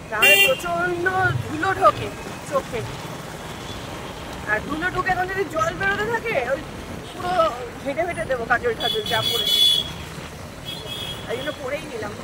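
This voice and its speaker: A woman's voice: high-pitched, lively intonation, normal speed, pauses often, very noisy. A young woman, chatting casually to viewers in a vlog and asking them questions as she goes. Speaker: vlogger.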